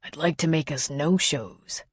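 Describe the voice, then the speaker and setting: A husky, gravelly grown man, as a woman narrator puts him on, pitched low and speaking in an unhurried, intimate murmur. This is audiobook reading, close and dry. The tone stays intimate and tender. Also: no echo. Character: husky deep-voiced grown man, ardent lover.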